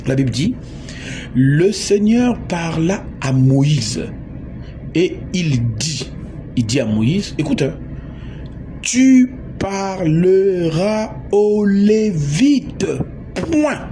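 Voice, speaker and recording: Congolese male preacher, emphatic and repetitive, slightly high voice, noisy recording. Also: big pitch swings, drawn-out words, warm tone. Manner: emphatic, repeats words, asks the audience. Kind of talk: sermon. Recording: noisy background.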